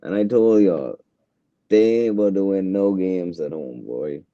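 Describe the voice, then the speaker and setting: A man's voice: low voice, a little slow, warm tone, no echo, muffled recording. A man co-hosting a casual sports chat, brash and slangy, talking up his picks with swagger. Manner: brash, slangy trash talk. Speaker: co-host.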